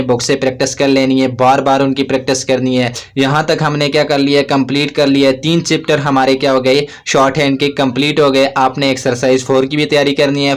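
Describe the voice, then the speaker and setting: A man teaching a recorded shorthand lesson. He writes as he explains, keeps asking the class a question, answers it himself and repeats each point. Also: medium pitch. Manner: asks rhetorical questions and answers them himself; slow, repetitive explanation while writing.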